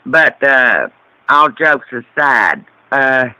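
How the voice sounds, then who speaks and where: Very bright, forceful male caller. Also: medium pitch, very animated, extremely slow, dry recording, rough recording. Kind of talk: casual chat.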